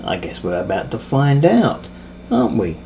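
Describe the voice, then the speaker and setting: A man's voice: fairly low pitch, very animated, normal speed, creaky, dark tone, a little hiss or hum, pitched below the performer's own voice. A man voicing a smug, overpowered male villain mage who taunts his victims with casual cruelty. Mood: gloating. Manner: mocking, cocksure, casually cruel.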